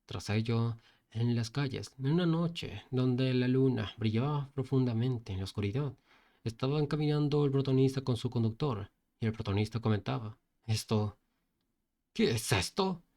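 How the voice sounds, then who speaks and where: A man's voice: mid-range voice, moderate pace, dark tone. A man narrating a comic story recap in a loose, casual way, with repetitive linking phrases and frequent restarts.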